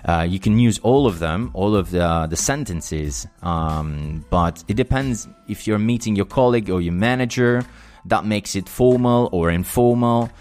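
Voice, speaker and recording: Low-voiced Italian man teaching English. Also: unhurried, faint music behind. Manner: switches between Italian explanation and lively English example phrases. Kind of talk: casual spoken English lesson.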